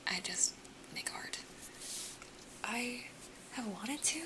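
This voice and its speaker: Speaking close to the microphone, a young woman with an American accent chats with her stream viewers in a soft whisper throughout, slightly sniffly and laughing a lot, as an ASMR streamer. Her voice is fairly high with lively intonation and a slow pace, against a noisy background.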